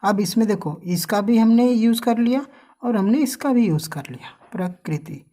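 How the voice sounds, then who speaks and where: A woman's voice: on the high side, lively intonation, dark tone. A woman teaching how to spell names, asking questions to the viewer and drawing out each letter. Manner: slow, drawn-out spelling with quiz questions to the viewer. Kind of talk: spelling lesson for learners.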